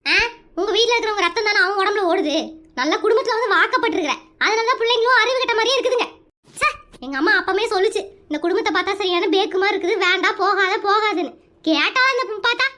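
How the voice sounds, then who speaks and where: A performer voicing a frazzled young mother in a cartoon comedy, nagging and yelling threats at her sleepy son. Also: very high-pitched, animated, fast talker, full character voice. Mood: scolding. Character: scolding frazzled young mother, shrill temper. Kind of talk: Tamil cartoon comedy dub.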